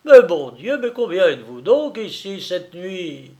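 A man doing a furious shouting master of the house. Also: high-pitched, big pitch swings, a little slow, pitched above the performer's own voice. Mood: outraged. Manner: exclaiming loudly, exasperated.

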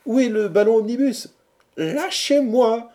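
Man voicing lovesick young gentleman, storybook, raised high voice, dramatic pleading, dark gravelly tone. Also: sing-song, moderate pace, heavily acted. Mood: frantic. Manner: pleading, declamatory.

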